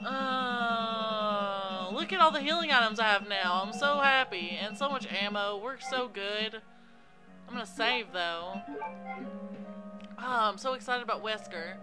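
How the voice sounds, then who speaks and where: A woman's voice: on the high side, measured pace, over music. A woman hosting a let's play, chatting casually and giggling as she gushes about the game. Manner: giggly, gushing fan chatter. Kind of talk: casual gameplay commentary.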